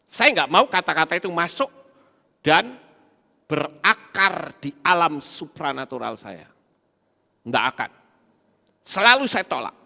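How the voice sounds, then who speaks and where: Casting note: high, bright male preacher, animated, addressing the congregation, long hall reverb. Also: creaky. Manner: animated, laughs often, addresses congregation directly. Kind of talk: sermon with stories and audience questions.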